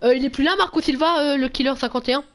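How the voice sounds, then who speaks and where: A male streamer, chatting casually with viewers during a live game, full of slang and swearing, with sudden loud yelps. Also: extremely high pitch, fast. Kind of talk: casual gameplay livestream chat.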